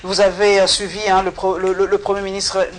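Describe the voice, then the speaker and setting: A woman's voice: medium pitch, flat delivery, fairly quick, a crowd in the background. A woman TV interviewer, asking direct, probing questions and interjecting.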